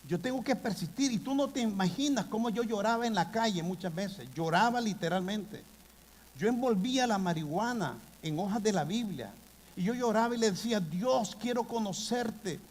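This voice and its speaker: A man preaching a sermon, impassioned, with sudden loud bursts. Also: sits high, expressive, brisk. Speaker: pastor. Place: church hall. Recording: long hall reverb.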